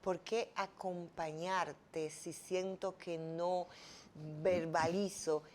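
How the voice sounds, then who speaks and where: A woman's voice: lowish voice, little pitch movement, very slow, a little mellow, a little hiss or hum. A woman hosting an interview, asking reflective, probing questions. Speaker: interview host. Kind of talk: conversational interview.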